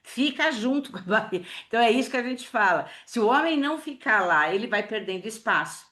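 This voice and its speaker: A woman's voice: a little high, lively intonation, fairly quick, a bit bright. A woman teaches family therapy in an easy, conversational way, leaning on fillers as she talks. She tells case stories as she goes. Her voice comes through a computer mic on a video call. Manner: chatty, lots of fillers, acts out quoted dialogue.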